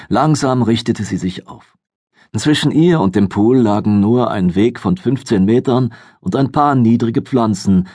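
Low husky guy reading a fantasy novel, dry close sound, calm and measured. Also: dry recording. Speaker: audiobook narrator. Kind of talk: scripted audiobook narration.

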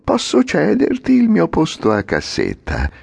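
A man voicing a sly, flattering little old man with a sugary, cruel edge, in a storybook reading. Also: fairly high pitch, creaky, husky, voice pushed up, heavily acted. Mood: honeyed. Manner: slow, honeyed and flattering.

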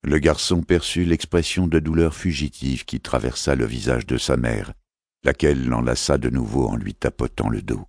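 Deep, gravelly male narrator. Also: moderate pace, darkish tone, no room sound, clean studio sound. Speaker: audiobook narrator. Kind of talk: scripted narration.

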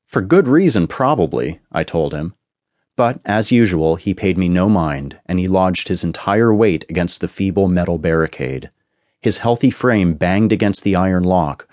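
A man narrating a suspense audiobook in a measured, storytelling manner on a close studio mic. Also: deep voice, a little mellow, no echo. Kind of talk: scripted narration.

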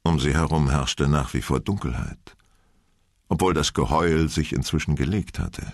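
A man narrating an audiobook in a measured, suspenseful way, recorded close in a studio. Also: extremely low pitch, no echo. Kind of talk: scripted narration.

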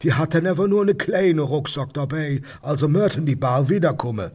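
A man voicing a nosy older male neighbor who gossips in Cologne dialect with a high squeaky voice. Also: expressive, normal speed, darkish tone, husky. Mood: gossipy.

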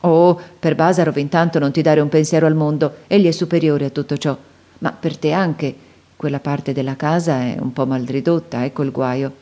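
Brief: meek middle-aged father, apologetic and hesitant, low and warm read by a woman for a storybook. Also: fairly even intonation, moderate pace, close to an everyday voice. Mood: reassuring. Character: kindly, weak, embarrassed middle-aged father. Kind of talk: audiobook character reading.

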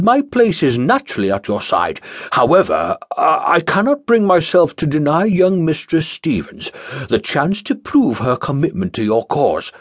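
A bombastic cult acolyte booms out fawning praise, high and pompous, as a man acts him out. His voice swoops around in a lively way, and the reading is dry and close to the mic. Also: breathy edge, no room sound, exaggerated voice. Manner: pompous, loud, oily flattery.

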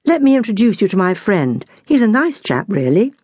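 A woman's voice: mid-range voice, big pitch swings, normal speed, mellow, husky, dry recording, voice pushed up. A woman reading the part of a polite, eager young British army officer in an audiobook, her own voice barely changed. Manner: courteous, formal.

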